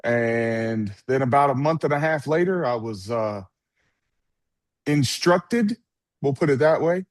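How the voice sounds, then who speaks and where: Deadpan Southern preacher man. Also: medium pitch, unhurried, no echo. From North Alabama. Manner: deadpan, playful, drawling. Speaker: preacher and guest. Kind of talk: casual interview talk.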